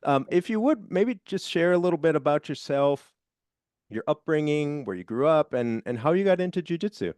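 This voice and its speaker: A middle-aged man hosts a podcast interview in a friendly way, now and then dropping an "uh" or "um." His voice is fairly high and animated at a normal speed, with a clear, resonant, darkish tone. The close mic sounds dry, with faint music underneath.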